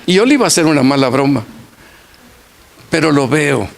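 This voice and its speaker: Earnest older male preacher, fairly high voice. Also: very animated, a little fast, vocal fry. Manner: earnest, repetitive preaching with folksy anecdotes. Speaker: pastor. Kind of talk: sermon. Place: church.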